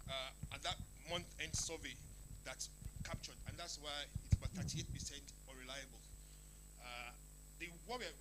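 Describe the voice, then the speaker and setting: A man with a fairly high voice speaks as a presenter at a talk. He explains his points emphatically, often repeating a phrase to drive it home. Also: noisy background. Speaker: speaker, media business expert.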